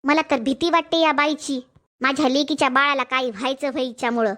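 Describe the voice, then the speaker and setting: A woman playing a harsh, scheming middle-aged mother-in-law in a family drama, scolding and sharp-tongued. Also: high voice, fairly even intonation, brisk. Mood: scornful. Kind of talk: Marathi village family drama acting.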